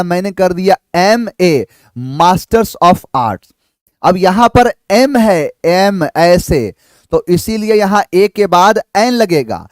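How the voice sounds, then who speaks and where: Guy teaching english, high voice, takes it slow, dry close sound. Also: a little mellow, no room sound. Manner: slow, repeats and spells out sounds, checks in with "clear?". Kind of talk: classroom lecture.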